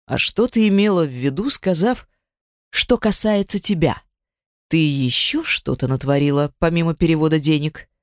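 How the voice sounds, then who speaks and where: A woman's voice: low voice, moderate pace, dry recording, studio quality, lightly acted. A woman voicing a domineering young man who speaks in curt, mocking, menacing lines in an audiobook. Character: gruff, domineering young man, a crime boss. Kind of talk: audiobook character voice.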